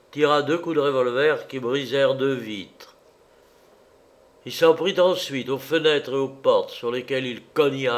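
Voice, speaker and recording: A man narrating a novel as an audiobook in a measured, dramatic way. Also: mid-range voice.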